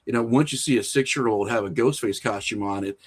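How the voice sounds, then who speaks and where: A middle-aged man, a horror filmmaker and writer, chats casually as a podcast guest. His medium-pitched, husky voice moves briskly as he rambles through opinionated thoughts.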